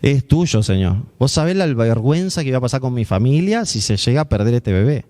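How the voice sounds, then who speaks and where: A man's voice: medium pitch, lively intonation, quick pace, warm tone, big-room sound. A man with an Argentine accent preaching a sermon as a pastor. He tells a personal story and acts out the voices of the people in it. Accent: Argentine Spanish.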